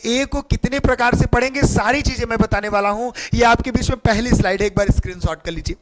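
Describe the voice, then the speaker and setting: A man's voice: extremely high pitch, fast, noisy background. A man teaching English pronunciation in an online class. He talks in a sing-song way and keeps asking questions and answering them himself. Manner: sing-song, repeats questions back to students.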